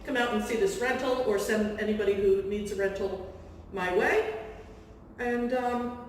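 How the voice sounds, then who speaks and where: A woman's voice: mid-range voice, normal speed, slight background noise. A woman giving a casual cooking demonstration, chatting with self-deprecating asides as she works. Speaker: real estate agent hosting a cooking demo. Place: kitchen of a rental home. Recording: very echoey room, distant mic.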